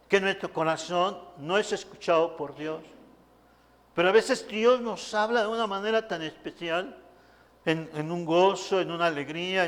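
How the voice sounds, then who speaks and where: A man's voice: high voice, fairly bright tone, big-room sound. A man preaching a sermon, speaking emphatically and calling out to the congregation.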